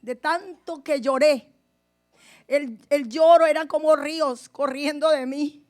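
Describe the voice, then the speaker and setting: A woman pastor with a high, bright-toned voice, telling her conversion story in a sermon. She addresses the congregation directly and moves between quiet, intimate moments and loud, forceful declarations. Her delivery is passionate and personal. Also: fairly even intonation, slow pace. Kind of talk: testimony in a sermon.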